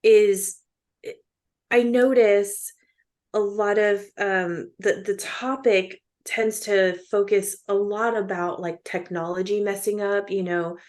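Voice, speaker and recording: A woman's voice: mid-range voice, steady tone, slow, darkish tone. A woman co-hosting a casual chat podcast, chatty with fillers and frequent laughs. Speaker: podcast co-host.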